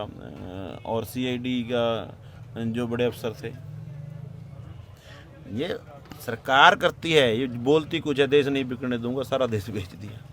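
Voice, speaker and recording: A man, a protesting farmer giving an impassioned interview answer, fiery and emphatic, rising to loud outbursts. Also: medium pitch, a little hiss or hum. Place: outdoors at a protest site.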